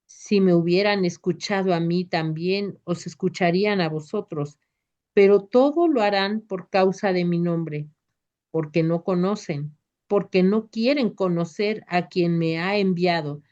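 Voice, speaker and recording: A woman voicing Jesus as a calm, merciful male teacher who instructs gently and solemnly in a devotional reading. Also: fairly low pitch, a little slow, close to an everyday voice. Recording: dull lo-fi recording.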